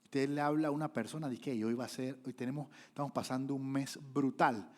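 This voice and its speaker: A male pastor preaching a sermon, animated, with sudden loud rises and acted-out quotes. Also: medium pitch, fairly quick.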